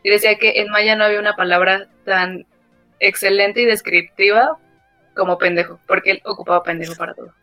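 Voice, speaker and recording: Bright-voiced woman guest. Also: mid-range voice, fairly even intonation, brisk, dry recording, faint music behind. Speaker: podcast guest. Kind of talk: casual chat.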